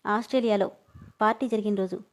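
A woman voicing a loving, teasing young husband who protects his wife, speaking quickly and a little lower than her own voice. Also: fairly even intonation, close to an everyday voice. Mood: tender.

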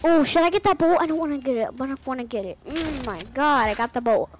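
A woman streaming an online shooter, chatting casually and shrieking with excitement during fights. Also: high voice, quick pace. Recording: noisy home stream audio.

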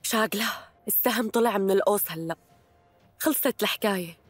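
A woman's voice: mid-range voice, a little fast, breathy edge, no room sound, faint music behind, lightly acted. A woman dubbing a bold young woman who hosts her own online show and speaks to her viewers with brash confidence. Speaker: dubbing actress. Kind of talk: Arabic dub of a TV drama.

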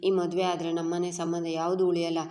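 A woman's voice: fairly low pitch, monotone, a little fast, dark tone, lightly acted. A woman voicing an angry young man protecting his sister, accusing and demanding, in a reverberant room.

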